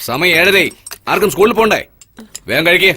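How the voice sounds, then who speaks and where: A man's voice: sits high, animated, brisk, slightly rough, exaggerated voice. An actor playing a strict, short-tempered magistrate father who scolds his family. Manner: scolding, sharp. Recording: film dub with music behind.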